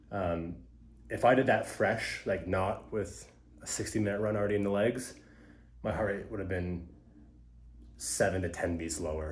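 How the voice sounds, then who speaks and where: Low-voiced man in a casual vlog. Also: a little mellow, roomy sound. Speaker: fitness vlogger.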